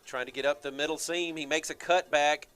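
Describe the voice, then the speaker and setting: A man doing play-by-play for high school football radio, chatty and relaxed with lots of fillers. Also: a little fast, clear, resonant tone, faint music behind. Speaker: play-by-play announcer.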